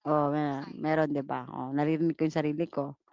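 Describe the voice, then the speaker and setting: A woman from the Philippines giving a live online review lecture, mixing English terms into her talk and tossing in teasing jokes and quick "just kidding" asides. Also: deep voice, flat delivery, darkish tone, no room sound, lo-fi sound. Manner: playful, cracks teasing jokes and "charot" asides; mixes English terms into Tagalog. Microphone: computer mic on a livestream.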